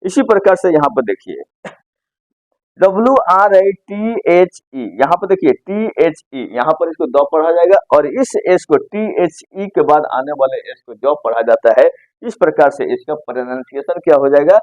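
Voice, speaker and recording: Teaching English pronunciation in Hindi, a man with a fairly high, expressive voice speaks at a moderate pace. He breaks words down letter by letter and answers the questions he raises, all in a dry, lo-fi recording.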